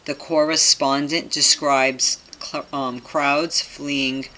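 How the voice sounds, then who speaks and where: A video host reads aloud and chats casually to viewers about a topic from a home setup, adding skeptical, conspiratorial asides and lots of tag questions. The voice is mid-range and sharp with little pitch movement, paced slowly, and the recording is rough.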